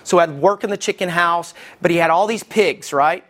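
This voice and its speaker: A man, preaching a sermon as lead pastor from Alabama with folksy, animated storytelling. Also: sits high, normal speed.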